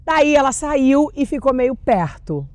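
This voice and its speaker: A Brazilian actress in her forties, appearing as a guest, tells casual stories in an animated way, acting out the people she quotes with shrieks. Her voice is high-pitched and her pace measured, with no room sound.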